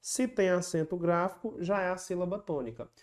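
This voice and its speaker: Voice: mid-range voice, moderate pace, darkish tone. An exam-prep teacher giving an online lesson, patiently explaining each point, repeating the key rules and chanting little rhyming memory tricks.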